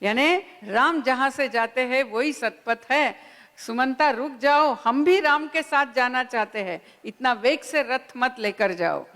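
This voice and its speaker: A woman giving a spiritual lecture at a conference, retelling scripture in an unhurried storytelling manner and voicing the lines of its characters. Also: high-pitched, fairly bright tone, big-room sound. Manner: unhurried storytelling with quoted dialogue. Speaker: speaker at a Ramayana conference. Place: conference hall.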